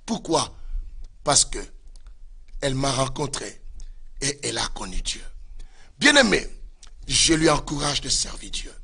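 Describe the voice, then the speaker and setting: A man's voice: mid-range voice, big pitch swings, a little slow, creaky, pauses often, bright, forceful tone, husky. A man preaching a sermon with fervor, addressing his listeners again and again. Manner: fervent preaching with repeated direct address to listeners. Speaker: pastor.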